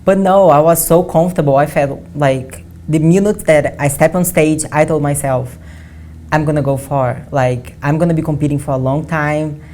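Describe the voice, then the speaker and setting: Low-voiced young woman. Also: normal speed, dark tone, slight background noise. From Brazil. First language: Portuguese. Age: 20s. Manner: earnest, often says "like". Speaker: guest athlete. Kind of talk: conversational interview. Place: studio.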